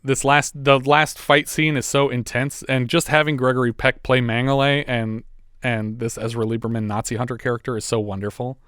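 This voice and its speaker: A man's voice: mid-range voice, steady tone, moderate pace, a bit bright, clear, resonant tone, dry recording, clean studio sound. A man co-hosting a podcast, casually recapping a movie's plot with chatty asides. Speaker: podcast co-host.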